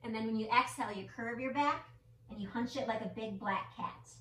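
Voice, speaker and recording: A woman's voice: fairly high pitch, brisk, a bit bright, reverberant, distant mic, poor audio. A woman leading a family yoga class, calling out step-by-step cues and countdowns in an encouraging, playful way. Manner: playful with her child. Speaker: yoga instructor. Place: indoor room with a mirror and mat or carpet.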